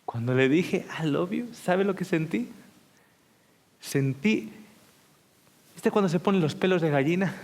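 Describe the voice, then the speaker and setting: A male preacher giving a seminar sermon. He speaks with emotion, asks listeners direct questions and sinks into slow, hushed whispers for emphasis. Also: a little high.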